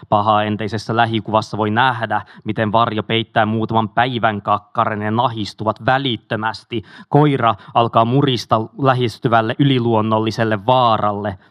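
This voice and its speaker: A man reading a memoir aloud in a steady, measured way, with a few casual asides. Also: fairly low pitch, no echo, dull audio. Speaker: audiobook reader.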